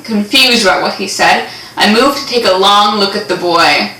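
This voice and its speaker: Theatrical young woman reading a story for laughs; bright voice, echoey room, mic at a distance. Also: mid-range voice, moderate pace. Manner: playful, theatrical, giggly. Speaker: co-host reading fan fiction. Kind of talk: casual reading aloud with comic asides.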